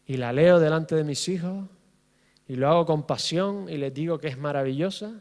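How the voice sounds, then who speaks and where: A man's voice: fairly high pitch, a little mellow. A middle-aged man preaching a sermon as pastor, passionate and building with repetition. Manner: impassioned, rising in fervor with repetition. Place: church hall. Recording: reverberant church hall.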